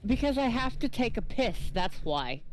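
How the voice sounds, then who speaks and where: A woman's voice: a little high, sing-song, normal speed, darkish tone, a little hiss or hum, rough recording. A woman off to the side of a game stream, giving short, dry replies.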